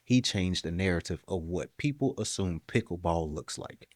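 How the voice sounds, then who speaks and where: Man, deep voice, dry close sound, animated motivational storyteller in casual podcast chat. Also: normal speed, no echo.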